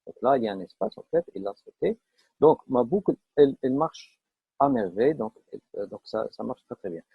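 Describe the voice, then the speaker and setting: Man teaching code, husky lo-fi audio. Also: mid-range voice, expressive, brisk, dry recording. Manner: explains step by step with many fillers and checks for understanding. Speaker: programming teacher. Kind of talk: live online class. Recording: dull lo-fi online class audio.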